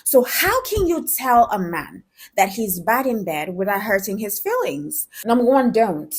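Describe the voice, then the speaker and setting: A woman's voice: mid-range voice, sing-song, unhurried, breathy edge. A woman talking frankly and directly to her viewers, giving relationship advice in a conversational way. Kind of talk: direct-to-camera advice talk.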